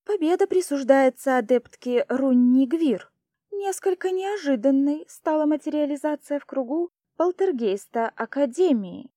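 A woman's voice: sits high, expressive, measured pace, mellow, no echo, voice pushed up. A woman voicing a strict female duel judge at a magic academy, speaking in a dry, impassive, formal way. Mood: cool.

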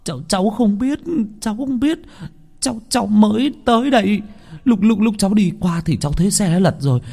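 A man voicing a panicked young village man who stammers and shouts in alarm. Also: high-pitched, a little fast, creaky, pitched above the performer's own voice.

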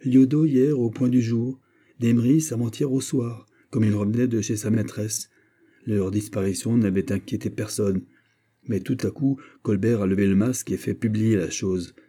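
A man's voice: lowish voice, fairly even intonation, normal speed, dark tone, close to an everyday voice. A man voicing a loyal, anxious male confidant in an audiobook, delivering grave, urgent warnings. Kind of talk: audiobook character reading.

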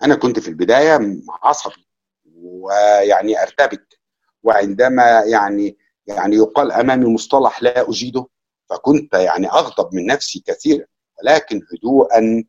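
Egyptian guy, interpreter giving a talk, husky voice, muffled recording. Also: fairly low pitch, a little fast, darkish tone. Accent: Egyptian Arabic. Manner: reflective, with many fillers. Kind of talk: lecture and casual Q&A.

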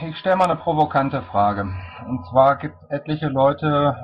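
A man asking a candidate a pointed, critical question in an online meeting, speaking deliberately. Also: mid-range voice, breathy edge. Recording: dull lo-fi voice chat.

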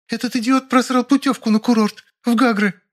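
Casting: man doing a shrieking young pregnant wife, voice pushed very high, always on the edge of tears, storybook drama. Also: steady tone, fairly quick. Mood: shrieking furious. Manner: screeching, wailing accusations. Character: shrill young pregnant woman, hysterical.

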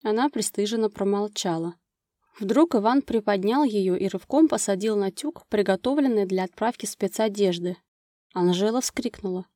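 A woman narrating a romance novel as an audiobook, with smooth, expressive storytelling. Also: medium pitch, moderate pace, dry recording, clean studio sound.

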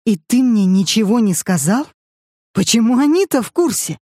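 A woman's voice: animated, unhurried, dark tone, dry recording. A reader voicing an outraged wife and mother, read close and dry. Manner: indignant, shrill outbursts.

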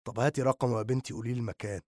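A man voicing a joking teenage boy who smokes, with an Egyptian accent, speaking low and quietly in an audiobook reading. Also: fairly even intonation, racing, no echo, studio quality, close to an everyday voice. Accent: Egyptian Arabic.

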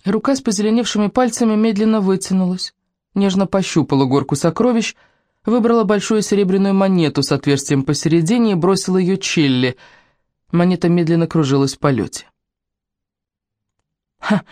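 An audiobook narrator reading a fantasy story in a steady, measured way. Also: medium pitch, dry recording, studio quality.

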